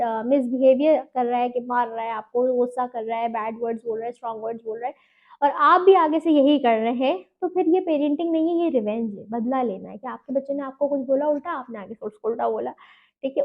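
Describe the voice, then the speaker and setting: A woman's voice: sits high, highs cut off. A woman from Pakistan, giving earnest parenting advice and mixing in English phrases. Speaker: parenting coach.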